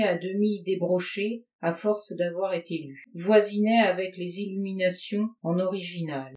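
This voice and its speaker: Une femme lit à voix haute un récit littéraire à la première personne, d'un ton posé et expressif. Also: female voice, medium pitch, mellow. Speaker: audiobook reader. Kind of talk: literary narration read aloud. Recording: roomy sound from a distance.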